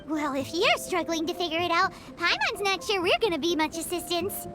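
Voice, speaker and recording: A woman voicing a small, excitable female fairy companion in a video game, squeaky and childlike, full of exclamations. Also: brisk, over loud music. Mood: skeptical. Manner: exclamatory, speaks of self in third person.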